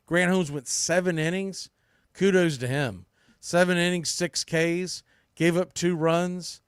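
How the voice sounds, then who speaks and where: The host of this sports podcast has a slightly high voice and gives a blunt, opinionated rundown, ranting with mild swearing and emphatic repeated phrases. He is a sports commentator, and the studio recording is clean with no echo.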